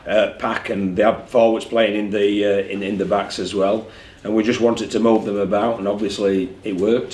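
Candid coach, echoey room. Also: male voice, lowish voice. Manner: candid, conversational, repeats words as he thinks. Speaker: rugby league head coach. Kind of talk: post-match press conference. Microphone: desk mic in front of him. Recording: echoey room with faint background hum.

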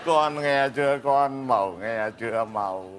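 A man's voice: high voice, brisk, a bit bright, slight background noise. A man playing a worried father with a Northern Vietnamese accent in a live stage comedy sketch, whining and pleading with his daughter. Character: worried middle-aged father, fretting over money.

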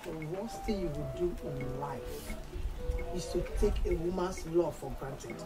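An actress with a Nigerian accent playing a domineering, harsh middle-aged mother who shouts and scorns in a Nollywood film. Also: low-pitched, a little slow, poor audio. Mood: scornful lecture. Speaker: actor. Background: loud film score music.

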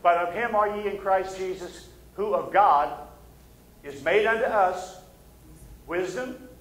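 This pastor speaks in a high, somewhat bright voice, a little slowly, with a Midwestern American accent. He's middle-aged and preaches casually and plainly from a pulpit, inviting the room to agree. The recording carries the echo of a church sanctuary.

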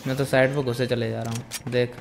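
A man's voice: mid-range voice, little pitch movement, a little fast, gravelly, a little hiss or hum. A man streaming a game from his home setup, chatting casually with teammates, joking and swearing, into a desk microphone. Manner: joking, swearing, bursts into loud laughter. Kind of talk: casual gaming chat. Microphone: desk USB microphone.

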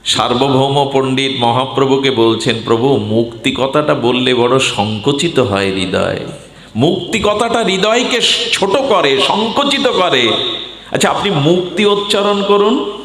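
A man with a Bengali accent giving a devotional sermon to a gathering, speaking slowly and declaiming, sometimes breaking into chanted verses. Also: mid-range voice, expressive, fairly bright tone. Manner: slow and declamatory, rising into sung and chanted scripture lines. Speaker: Bhagavata reciter and preacher. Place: gathering hall with an audience. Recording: echoey live hall.

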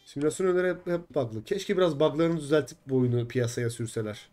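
Young male streamer, mid-range dark voice, casual and easily irritated, cursing at glitches. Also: on the high side, fast talker. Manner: frustrated, swears often, chats with viewers. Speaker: gaming streamer. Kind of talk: live game stream chat.

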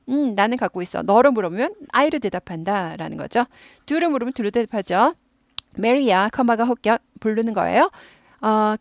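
A woman teaching English grammar in Korean, explaining patiently and repeating words slowly for practice. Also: a little high, no echo, studio quality.

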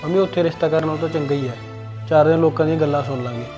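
A young man plays the bride's earnest brother, pleading quickly. Music is clearly heard behind him. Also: fairly high pitch, close to an everyday voice. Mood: firm.

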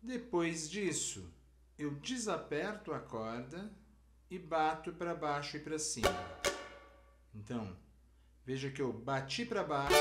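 Slow, patient Brazilian music teacher. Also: male voice, on the high side. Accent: Brazilian Portuguese. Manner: slow, patient step-by-step explaining. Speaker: cavaquinho teacher. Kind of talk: music lesson instruction. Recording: roomy sound with instrument playing.

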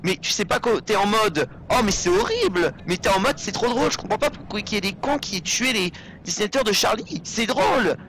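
Bright high-voiced young man gaming. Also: big pitch swings, a little fast, a little hiss or hum. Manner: rambling, joking, swearing, distractible. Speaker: let's play commentator. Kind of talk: casual gameplay commentary.

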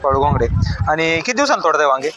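A man vlogging from an outdoor vegetable market, firing quick questions at farmers and repeating each answer back as a question. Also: a little high, very animated. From Maharashtra. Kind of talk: quick on-the-spot interviews with farmers. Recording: noisy open-air market.

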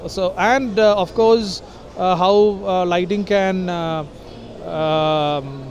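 A man's voice: high-pitched, fairly even intonation, takes it slowly, highs cut off. A man, a lighting consultant explaining his work at a busy expo hall with many hesitations. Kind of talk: trade show interview. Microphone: handheld mic from interviewer.

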